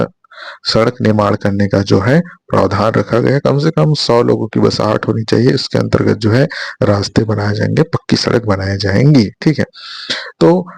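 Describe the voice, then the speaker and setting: A man's voice: on the low side, gravelly, a little mellow, dry recording. A man teaching an exam prep lesson, quizzing listeners with repeated questions and checking in often. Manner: repetitive quizzing, rhetorical questions, frequent "thik hai".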